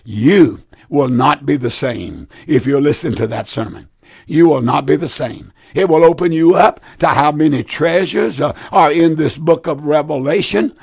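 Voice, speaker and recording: A man's voice: fairly high pitch, moderate pace, creaky, a little mellow, breathy edge, no echo, studio quality. A man preaching and taking calls on a live Bible show, with a weak, strained voice worn from preaching and an earnest, folksy, repetitive way of exhorting. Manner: earnest, plain folksy exhortation with repeated phrases.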